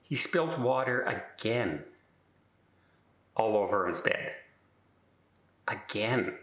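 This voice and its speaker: A man's voice: fairly low pitch, expressive, slow, fairly bright tone, echoey room. A middle-aged man telling a casual story in a rambling way, with many fillers and restarts. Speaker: vlogger.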